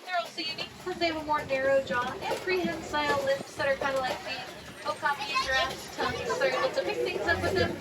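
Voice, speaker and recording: Far from the mic, a woman with a high-pitched voice gives live safari tour commentary. She speaks directly to riders in an informative way. Loud crowd chatter and vehicle noise surround her voice. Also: fast talker. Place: open safari truck outdoors. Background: crowd, rumbling vehicle, outdoor ambience.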